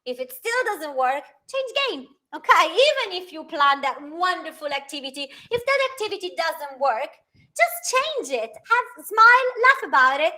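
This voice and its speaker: A woman's voice: very high-pitched, sing-song, normal speed, sharp tone. A woman giving an informal online training talk to new teachers, reassuring and instructive, with short repeated rules. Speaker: trainer of children's language teachers.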